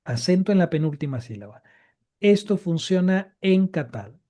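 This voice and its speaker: A man's voice: sits high, big pitch swings, moderate pace, mellow. A man teaching a live Biblical Hebrew grammar class, explaining patiently and repeating each key point.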